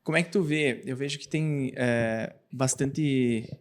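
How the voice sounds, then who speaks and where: A man's voice: medium pitch, a little slow. A man hosting a podcast, asking long, rambling questions full of fillers. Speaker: podcast host. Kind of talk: casual podcast interview.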